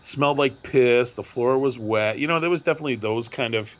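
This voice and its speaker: A middle-aged man with a hoarse voice, co-hosting a podcast and telling a rambling, animated story with lots of repeats. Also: mid-range voice, brisk, highs cut off. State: hoarse from screaming at a concert. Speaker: podcast co-host. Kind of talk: casual chat.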